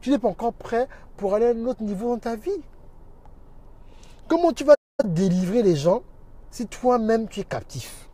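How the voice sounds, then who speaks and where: A man's voice: sits high, lively intonation, moderate pace, dark tone, breathy edge. A man talking on a casual livestream, preaching emphatically and greeting viewers by name as he goes. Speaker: minister and social media teacher.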